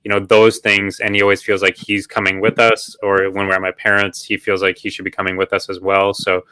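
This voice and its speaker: Deep, crisp-voiced man, flat delivery. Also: a little fast, no room sound. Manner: short agreeing replies, relaxed phrasing. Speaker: guest, dog owner. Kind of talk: casual conversation.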